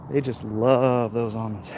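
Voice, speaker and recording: Strolling through neighborhood streets, the American livestream host answers comments in loose, casual chatter. His mid-range voice is fairly even, a little slow and a little mellow, with traffic and city ambience audible outdoors.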